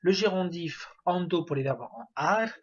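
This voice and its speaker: A man's voice: high-pitched, a little slow, breathy edge. A man giving a spoken grammar lesson, explaining step by step with many hesitations and fillers. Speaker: language teacher. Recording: dull lo-fi recording.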